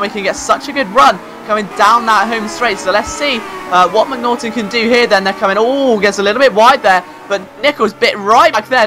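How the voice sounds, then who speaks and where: A man's voice: high voice, pushed and bright. A man giving live motorsport race commentary.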